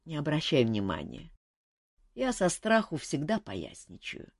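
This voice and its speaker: A woman's voice: low-pitched, sing-song, measured pace, vocal fry, slightly rough, no echo, full character voice. A woman voicing a tired, joking male court jester who mocks himself and others in a dry room. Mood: wry, weary. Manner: wry, self-mocking banter.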